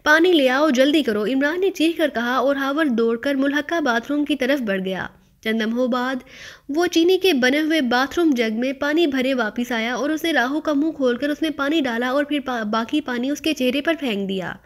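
A woman narrating a thriller audiobook with steady, vivid storytelling. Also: sits high.

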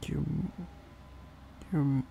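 A young man in a whispered role-play, talking softly and gently as he comforts and hushes someone. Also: extremely slow, slight background noise. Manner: hushing and soothing. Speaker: ASMR performer.

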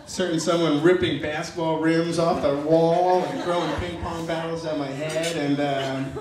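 Speaking in a steady tone, a young best man with a slightly high voice delivers a halting, teasing, affectionate wedding speech full of jokes. A far-off camera catches his handheld PA mic echoing through a big reception tent at night. Crowd noise from the guests fills the background.

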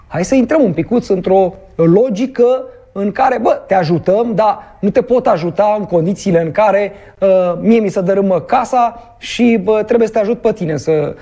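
A man's voice: high voice, vocal fry, mellow. A man hosting a podcast, ranting about politics in blunt, colloquial speech with many fillers. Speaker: podcast host.

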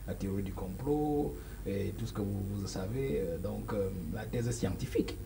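In a small studio furnished with sofas, a political guest in his forties with a Cameroonian French accent speaks emphatically into a lapel mic, gesturing and hesitating often. His voice sits fairly low at a moderate pace, with music behind him on a low-quality recording.

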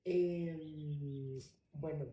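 A young adult woman from Colombia speaks, her voice somewhat low and very mellow. She tells her story in a lively, playful way as a podcast guest. The sound is roomy, with the mic some distance off. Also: very slow, lo-fi sound. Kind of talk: casual interview chat.

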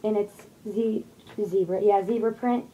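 A young woman chats through a shopping haul, rambling along with plenty of fillers. Her voice is mellow and soft-edged. It is caught on a desktop webcam in a small bedroom, with a faint hiss of room noise behind her. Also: medium pitch, steady tone, a little slow, rough recording. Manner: chatty, rambling, lots of fillers. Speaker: vlogger showing a shopping haul. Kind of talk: casual haul video. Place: small bedroom with posters, indoors. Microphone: webcam on desk at close range.

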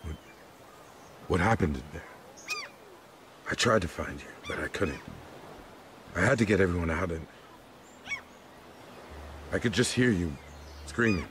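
A calm caring survivor dude in a game, deep voice, music behind. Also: male voice, a little slow, pauses often, noisy background. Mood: concerned. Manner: calm, earnest. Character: steady, caring adult male survivor. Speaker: video game character. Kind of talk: video game voice acting. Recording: game score underneath.

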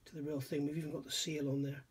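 A middle-aged man with a fairly high, husky voice speaks fast in a flat delivery. At his indoor workbench he casually reviews a scale model kit by hand, admiring it and musing aloud while often questioning himself.

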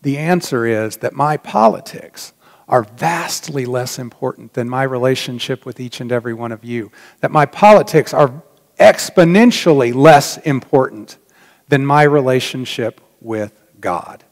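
A man's voice: mid-range voice, unhurried. A middle-aged man preaching a sermon from a church pulpit, earnest and reflective, dropping to a near-whisper on key points. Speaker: pastor. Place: large church sanctuary. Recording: long reverb of a church hall.

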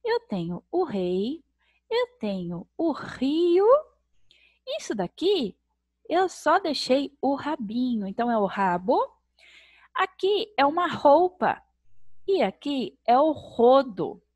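A Brazilian woman teaching young children in a recorded video lesson, sounding out syllables slowly in a sing-song way. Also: high-pitched, sing-song, darkish tone, no echo. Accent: Brazilian Portuguese. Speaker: primary school teacher.

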